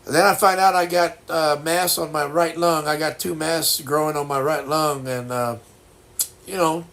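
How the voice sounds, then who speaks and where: Male streamer, 60s: stuffed-up nose, crackly voice pitched a bit high, halting casual chat. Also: fairly even intonation, creaky, fairly bright tone. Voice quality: congested, blocked-nose sound. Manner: halting, reflective, folksy reassurance. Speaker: livestream host chatting with viewers.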